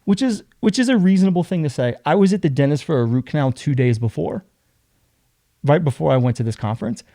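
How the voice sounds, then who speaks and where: A young man tells a story as a podcast guest, lively and full of acted-out quotes. His voice is dark and mellow. The sound is dry, close to the mic. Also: a little high, quick pace, gravelly, no room sound. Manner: animated, acts out other people's lines. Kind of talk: casual storytelling.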